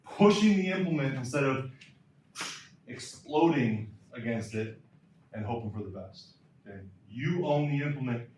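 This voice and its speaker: A man's voice: medium pitch, lively intonation, normal speed, a little mellow, slight background noise. Guy lecturing throwers at a clinic, emphatic, echoey hall, mic sounds far off. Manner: emphatic, repeats key points. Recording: roomy lecture hall from afar.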